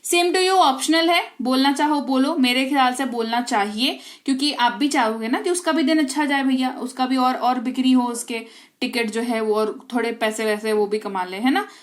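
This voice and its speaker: Woman teacher, high-pitched, explains sample dialogues in Hindi and reads the English lines slowly and deliberately. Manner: slow, deliberate reading of English example lines; frequent check-ins with the class.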